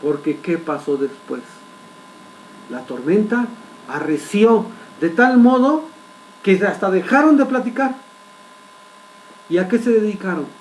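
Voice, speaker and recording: High-voiced man preaching a sermon. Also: expressive, slight background noise, low-quality recording. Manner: asks the congregation frequent rhetorical questions; vivid storytelling with dramatic pauses.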